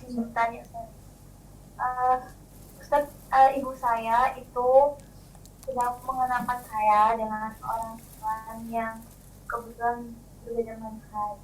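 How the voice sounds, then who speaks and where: A woman's voice: on the high side, monotone, a little slow, pauses often. A young woman calling in with a question, hesitant and full of fillers, her voice choppy, breaking up and sounding far from the mic. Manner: hesitant, with many fillers and restarts. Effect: choppy, breaking-up call audio; distant, off-mic sound. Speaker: caller asking a question. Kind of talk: casual call-in question.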